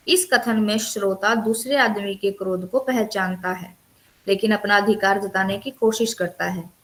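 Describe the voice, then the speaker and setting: A woman teacher giving an online lecture, reading from her notes and stopping to explain the terms. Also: medium pitch. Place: recorded online counselling session.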